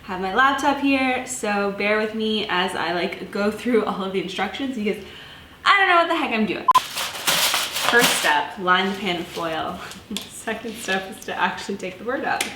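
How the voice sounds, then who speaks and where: A young woman vlogging her first try at cooking in a casual, excitable way, often squealing and swearing. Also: medium pitch, moderate pace, reverberant, background noise. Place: home kitchen.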